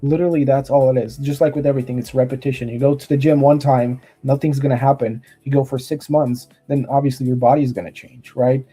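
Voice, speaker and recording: A man's voice: medium pitch, level tone, quick pace, hardly any pauses, dark tone, slightly rough, soft background music. A man from Romania, a guest trader, gives earnest motivational advice in casual chat over a video call, often restarting his sentences.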